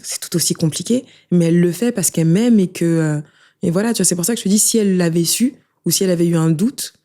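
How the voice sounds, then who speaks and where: A woman's voice: fairly low pitch, mellow. A young woman telling her own story in an interview, emotional and conversational, often turning to the listener. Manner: rapid, emotional, conversational, addresses listener with "tu vois". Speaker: guest sharing her life story. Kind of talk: casual spoken testimony.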